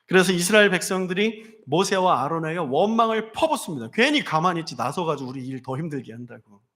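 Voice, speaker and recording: A man's voice: on the high side, a bit bright. A man pastor preaching a sermon in a conversational way, acting out quoted lines.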